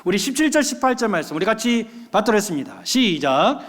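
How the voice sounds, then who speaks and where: Animated preaching man, lively high voice. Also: fast talker. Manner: animated preaching, rhetorical questions to the congregation. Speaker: pastor. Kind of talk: sermon. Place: church sanctuary. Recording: long hall reverb.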